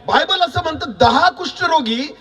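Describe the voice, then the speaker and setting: A man preaching a sermon, quizzing the congregation with repeated questions and building to shouts. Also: extremely high pitch, animated, moderate pace, distant mic. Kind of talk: sermon with call-and-response.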